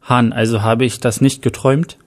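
A man's voice: mid-range voice, flat delivery, moderate pace, close to an everyday voice. A man voicing a grieving male team leader, shaken but determined, who speaks urgently with emotional outbursts.

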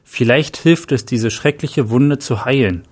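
Voicing a half-faced, disfigured character, a man starts out speaking slowly and low, eerie and strange, before warming into an earnest friend. His voice has a breathy edge.

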